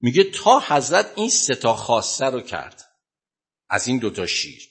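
Husky, animated male preacher. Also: mid-range voice. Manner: dramatic, animated retelling with sudden loud bursts. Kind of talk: sermon storytelling.

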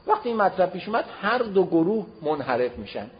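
A man giving a religious lecture, explaining to listeners, with emphatic swings between loud and soft delivery. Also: high voice, sing-song. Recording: dull lo-fi recording.

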